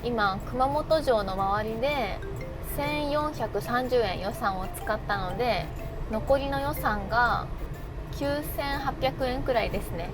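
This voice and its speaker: Chatty woman vlogging over background music. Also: a little high. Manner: chatty, playful, self-deprecating jokes. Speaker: travel vlogger. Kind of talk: casual travel vlog chat. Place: out and about sightseeing in a city.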